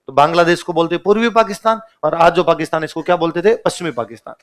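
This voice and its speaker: A man lecturing a class in a slightly high-pitched voice. He tells history in easy everyday words, stopping often to ask the class a question and then answering it himself. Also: fast talker, a bit bright. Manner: casual, colloquial storytelling. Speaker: history teacher.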